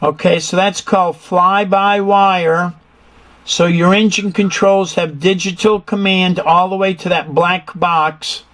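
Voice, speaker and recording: High-pitched man giving technical instruction. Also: steady tone, unhurried, a bit bright. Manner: methodical, quizzes the learner. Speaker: instructor giving an engine room tour. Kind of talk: hands-on technical explanation.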